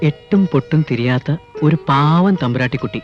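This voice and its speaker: A man's voice: mid-range voice, lively intonation, a little fast, muffled recording, soft background music, lightly acted. A man playing a teasing young sweetheart.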